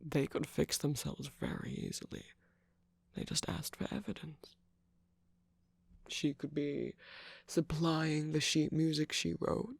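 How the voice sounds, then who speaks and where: A performer acts out a smug, seductive villain who is a cookie radio host, in an ASMR romantic roleplay with scripted dialogue. Using a full character voice at mid-range pitch, breathy and gravelly, they coax and tease slowly, often slipping into a whisper; the close-miked recording is dry with no room sound.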